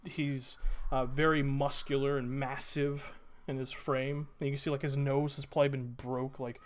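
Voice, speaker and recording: A man working as game master, improvising descriptive narration in a halting, casual way. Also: mid-range voice, flat delivery.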